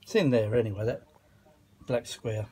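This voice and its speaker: A British hobbyist films himself repairing vintage audio gear on a handheld phone, giving casual, rambling commentary to camera with muttered asides and mild grumbling. His voice is lowish and dark in tone, at a moderate pace. There's slight background noise.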